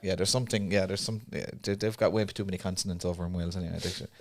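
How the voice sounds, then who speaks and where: Guy co-hosting a podcast, deep voice, casual chatty talk, stumbles and repeats himself. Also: fairly even intonation, very fast. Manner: chatty, repeats words when starting sentences. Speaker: podcast co-host. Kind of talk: casual chat.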